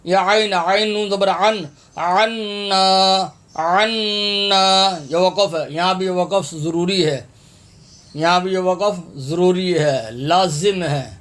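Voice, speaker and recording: A high-pitched man leads a recitation lesson, breaking words into letters and vowel marks. He repeats every point patiently and earnestly asks listeners to fix their pronunciation. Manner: patient, repeats each sound several times, earnest pleading. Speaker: Quran recitation teacher. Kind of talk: tajweed lesson, spelling out and drawing out verses.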